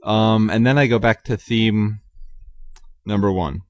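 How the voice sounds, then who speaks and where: Low-voiced man musing about his music. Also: fairly even intonation, a little slow, a little mellow. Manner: rambling, hesitant, many ums, self-correcting. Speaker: composer podcast host. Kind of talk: casual solo talk about his music.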